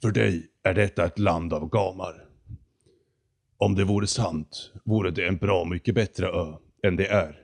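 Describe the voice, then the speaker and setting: Reading from a storybook, a man plays an arrogant talking condor, lecturing slowly and haughtily. The voice is deep and hoarse, held at a steady tone.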